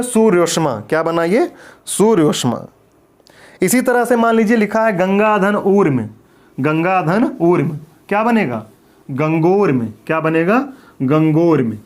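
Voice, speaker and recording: A man teaching a grammar lesson in a classroom lecture style, who asks questions and answers them himself and repeats the key points. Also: sits high.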